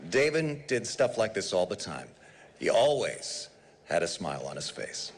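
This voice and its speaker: A man's voice: fairly low pitch, big pitch swings, moderate pace, slightly rough. A man hosting a live radio broadcast of a memorial, reading listener messages aloud. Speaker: radio host.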